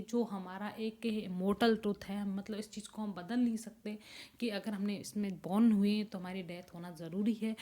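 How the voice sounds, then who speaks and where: A woman's voice: medium pitch, mellow. A woman teacher giving a classroom lecture on a poem, explaining patiently in Hindi mixed with English terms and checking in with her students.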